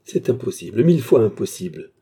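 A man's voice: mid-range voice, moderate pace, warm tone, slightly rough. A man reading an audiobook, voicing a frightened young woman who pleads with anguished questions. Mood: distraught.

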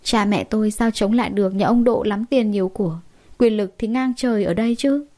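A woman's voice: mid-range voice, brisk, dark tone. A woman narrating a first-person story in an emotive, chatty way.

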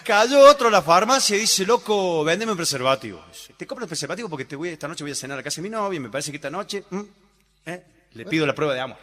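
A man's voice: lively intonation, fairly bright tone. A man with a Rioplatense Spanish accent doing stand-up, rattling off jokes and acting out his characters' lines. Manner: rapid joke delivery, voices his characters' lines with pitch jumps. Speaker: stand-up comedian. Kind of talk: stand-up joke telling. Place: live stage show. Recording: reverberant live hall, noisy. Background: audience laughter and applause.

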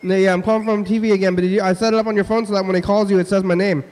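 A young man hosting a call-in show, talking fast and slurring his words in casual chat. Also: high voice, flat delivery, a little mellow, long reverb tail, a little hiss or hum, poor audio.

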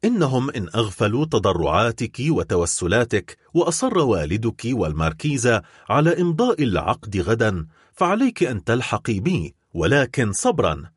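A man reading an audiobook, voicing a desperate young man in love, speaking gravely and with resolve. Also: medium pitch, dry recording, studio quality.

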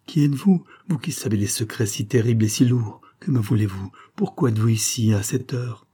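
Man doing a pleading nun, anguished, higher strained voice, husky, warm, storybook reading. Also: brisk, close to an everyday voice. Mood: fearful. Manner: pleading, fearful. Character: anguished middle-aged nun, daughter of a king.

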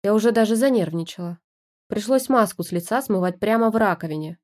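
Woman narrator, first-person story reading, lively, wry. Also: medium pitch, brisk.

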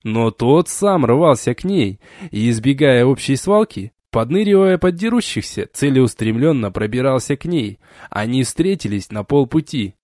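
A man reading an adventure novel aloud as an audiobook, in an expressive storytelling way. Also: mid-range voice, normal speed, no room sound, clean studio sound. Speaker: audiobook reader. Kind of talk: audiobook narration.

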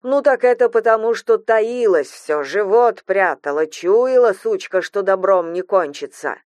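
A spiteful older mother-in-law, put on by a woman reading aloud, drawls her words slowly and coldly with a hissing edge. Her voice sits in a middle register, close and dry with no room around it. She sounds contemptuous, as in a spoken horror audiobook. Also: mid-range voice, expressive, a little mellow, no echo, close to an everyday voice. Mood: venomous. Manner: slow, cold, hissing and contemptuous. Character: harsh cruel older mother-in-law, venomous.

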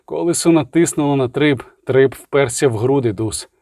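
A man's voice: mid-range voice, moderate pace, warm tone, no room sound, studio quality. A man narrating a fantasy novel as an audiobook, telling it dramatically and shifting his voice for the characters.

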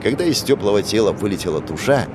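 A man's voice: on the low side, fast talker, background noise. A man narrating a first-person audiobook in a sardonic, crude manner, recorded on a close mic. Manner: sardonic and crude, wildly expressive.

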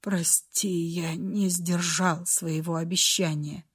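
A woman voicing a dying immortal man who speaks tenderly in a hushed, low voice. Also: little pitch movement, takes it slowly, husky. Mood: tender fading.

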